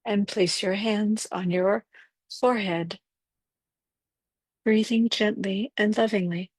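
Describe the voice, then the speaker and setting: A woman guides a breathwork meditation at a very unhurried pace, leaving space between short, gentle instructions. Her voice sits at a middle pitch, recorded dry and close without room sound. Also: fairly even intonation, slightly rough, dry recording.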